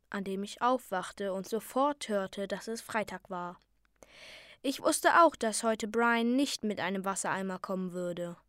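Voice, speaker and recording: A woman reads a fantasy story aloud, calm and soft, sometimes sinking to a near whisper. Her pitch sits in a middle range. The recording is dry and close, with no room echo.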